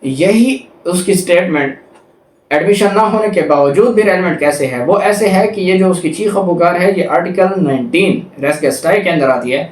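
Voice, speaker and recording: Speaking at a moderate pace in a high-pitched voice, a Pakistani-accented man gives a didactic law lecture, reading legal text and using examples. He restates his points repeatedly and alternates between Urdu and English legal vocabulary, recorded in an echoey room.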